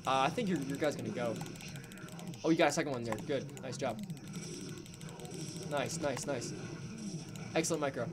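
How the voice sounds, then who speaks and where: A young man co-hosting a gaming channel, giving chatty, excitable commentary while a friend plays. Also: mid-range voice, normal speed, long pauses, background noise. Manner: chatty, excitable, cheering on a player. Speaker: gaming channel co-host and caster. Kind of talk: casual live-stream game commentary. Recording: game music playing behind.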